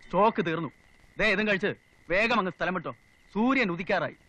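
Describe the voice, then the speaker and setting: A put-upon hotel keeper, played by an actor, pleads and frets in a fairly high voice. The audio is a little dull. Music plays clearly behind him. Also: male voice, fast, natural voice. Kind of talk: slapstick film comedy.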